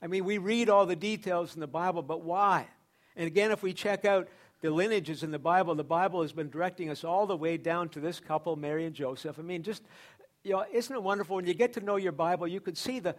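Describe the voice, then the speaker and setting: Guy preaching a sermon, kinda high voice, repeats stuff for emphasis, gets loud then soft. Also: fast talker. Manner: emphatic, rising and falling, repeats phrases. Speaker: pastor.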